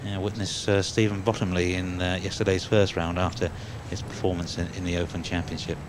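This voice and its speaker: A man's voice: deep voice, level tone, a little fast, background noise. A man working as a golf commentator, calling a tournament live.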